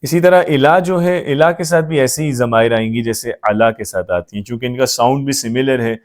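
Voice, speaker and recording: A man teaching an Arabic grammar lesson at an everyday pitch. His delivery is patient and methodical, and he goes back over each word form step by step. He keeps stopping to make sure the learner is following along. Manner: patient, repeats forms, checks understanding often.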